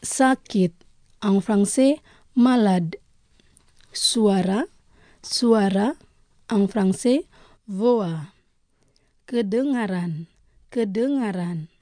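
Slow, careful woman teaching on radio. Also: medium pitch, darkish tone, no echo, clean studio sound. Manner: slow, careful, repeats each word twice. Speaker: radio language-lesson presenter. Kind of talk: slow radio language lesson.

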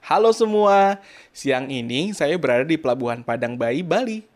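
A man's voice: a little high, expressive, normal speed, close to an everyday voice. A man voicing a young Australian travel blogger in a scripted lesson monologue, chatting like a vlog. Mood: curious.

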